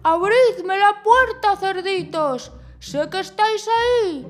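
A woman's voice: very high voice, animated, takes it slowly, pitched above the performer's own voice, heavily acted. A woman with a Castilian Spanish accent voicing a menacing, scheming male wolf in a children's storybook, with theatrical threats. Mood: threatening.

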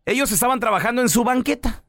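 A man's voice: very high-pitched, fast talker, fairly bright tone, no echo, studio quality. A man with a Mexican accent hosting a casual radio show and explaining news stories at length to his co-hosts.

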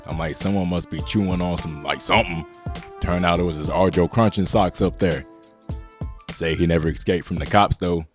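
Deadpan slangy uncle type, male performer, low pitch, comedy skit delivery with faint music underneath. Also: moderate pace, natural voice.

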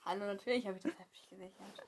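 A woman's voice: medium pitch, fairly even intonation, racing, very noisy. A woman co-hosting a podcast in casual chat, giggly as she reads out notes playfully. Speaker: podcast co-host.

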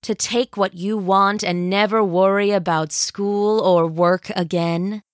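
A woman voicing a shrewd, regal old villainess in armor who speaks slowly and commandingly. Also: mid-range voice, steady tone, no room sound, clean studio sound, natural voice. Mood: gloating. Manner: slow, gloating, commanding.

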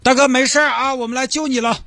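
A man's voice: very high-pitched, fairly even intonation, quick pace, bright, forceful tone, no room sound, faint music behind, pitched above the performer's own voice, exaggerated voice. A man voicing an exasperated firefighter coaxing a drunk out of the water. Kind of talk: comedy radio sketch.

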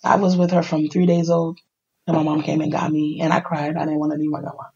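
A middle-aged woman telling her life story in a candid, animated conversation, acting out the people she quotes. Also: low voice, quick pace, slightly rough, lo-fi sound. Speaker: podcast host sharing her life story.

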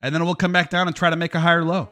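A man's voice: fairly high pitch, level tone, racing, sharp tone. A man giving casual, profane live-stream commentary on markets, talking to his viewers and reading out their chat comments.

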